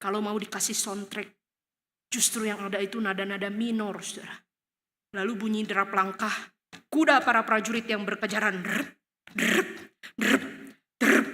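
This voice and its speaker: A woman preaching a sermon in a church hall, with an Indonesian accent, telling the story dramatically and crying out in the voices of the people in it. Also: a little high. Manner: dramatic, acts out scenes with sudden loud cries. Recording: long hall reverb.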